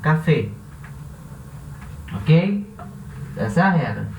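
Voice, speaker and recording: Brazilian male teacher, slow and repetitive, far from the mic with faint hum behind. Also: fairly high pitch, very animated, muffled recording. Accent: Brazilian Portuguese. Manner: slow, patient, spells out syllables and repeats examples. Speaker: Spanish teacher. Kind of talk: classroom lesson at a board. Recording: roomy echo from a distant mic, faint background hum.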